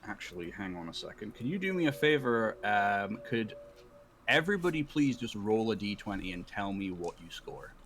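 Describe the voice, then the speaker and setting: A man narrating as the dungeon master of an online tabletop game, laughing easily and pausing with fillers as he describes the action. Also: lowish voice, big pitch swings, a bit bright, a little hiss or hum. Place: online voice call.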